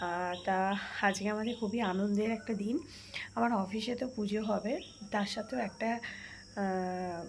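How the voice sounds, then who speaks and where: Bengali girl vlogging early morning, hushed soft chat, little crickets and hiss behind. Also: mid-range voice. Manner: chatty, addresses viewers directly. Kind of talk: casual daily vlog. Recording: faint background noise, crickets.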